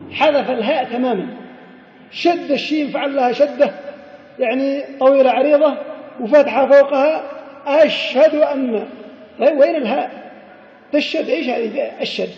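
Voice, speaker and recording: A man giving a religious lesson on the call to prayer, explaining mistakes and chanting drawn-out examples, with an occasional chuckle. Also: extremely high pitch, warm tone. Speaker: sheikh teaching the call to prayer. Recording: echoey hall, dull lo-fi sound.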